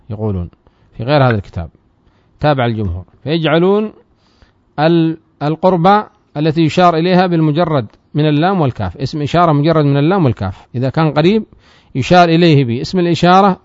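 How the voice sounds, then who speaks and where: A man teaching classical grammar at a quick clip, his pitch sitting a little high for a man. He reads each passage, then explains it and throws quick questions to his students. The recording is dry and a bit dull. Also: darkish tone, no room sound. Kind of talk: classical text lesson. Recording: slightly dull, dry sound.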